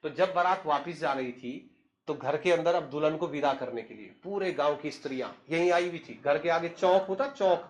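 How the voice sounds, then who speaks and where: A man from Uttarakhand, India, speaks at normal speed in a slightly high voice. He tells a story casually, chatty and humorous, addressing the listener directly.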